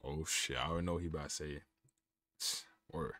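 A man's voice: a bass voice, fairly even intonation, brisk, pushed and bright, no room sound, clean studio sound. A young man hosting a music reaction video, exclaiming at the track and asking viewers questions directly. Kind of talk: casual reaction commentary.

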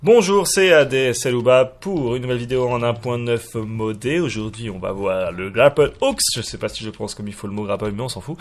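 A man's voice: mid-range voice, a little fast, hardly any pauses. A man giving casual, hesitant commentary while showing a game mod, full of fillers and restarts and chuckling at himself. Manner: self-mocking, chuckles at himself. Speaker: YouTuber presenting a game mod.

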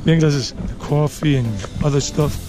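Walking outdoors along a leafy urban residential street, a 49-year-old man hosts a walking vlog, casually thinking aloud for his viewers as a travel vlogger and tour guide. He speaks at normal speed with a fairly high, steady voice while music plays behind him.

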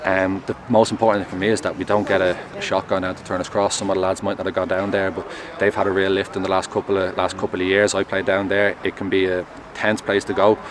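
A young man, a goalkeeper, answering post-match questions in a measured, earnest way, outdoors at a stadium at night on a close mic. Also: low voice, little pitch movement, crowd noise. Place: outdoors at a stadium, in front of a sponsor board at night. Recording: outdoor traffic noise.

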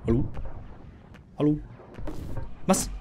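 A man hosting a let's play of a horror game. He talks in a jumpy, panicky way, keeps calling out into the dark and yelps at every scare. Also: slow pace.

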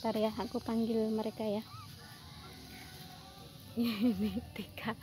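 High-voiced woman coaxing pets, slow and giggly. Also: level tone, warm tone. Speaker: vlogger with pet squirrels. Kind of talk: casual vlog, coaxing pets. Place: outdoors by a tree in the morning.

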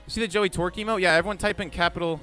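A man livestreaming in casual chat, excitable and swearing freely as he talks to his chat. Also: high-pitched, rapid-fire, soft background music.

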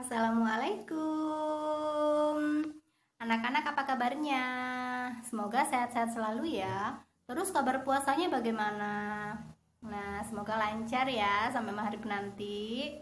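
A woman's voice: a little high, normal speed, a bit bright, echoey room, slight background noise. A woman teaching Quran recitation to children, patient and encouraging, singing phrases for them to copy. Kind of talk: slow online lesson for children.

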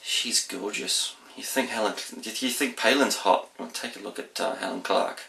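A man's voice: lowish voice, moderate pace, creaky, background noise. A man in his thirties with a broad New Zealand accent, chatting casually to the camera in a goofy, playful, rambling way and repeating his phrases. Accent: broad New Zealand (Kiwi). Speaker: vlogger, guest presenter. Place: small plain room indoors. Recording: roomy indoor echo.

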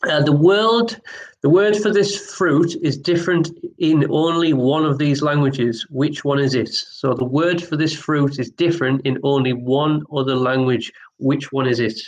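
A man hosting an online pub quiz, reading each question twice and chatting between rounds in a relaxed, apologetic way. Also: fairly high pitch, unhurried, a little hiss or hum, low-quality recording. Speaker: quiz host.

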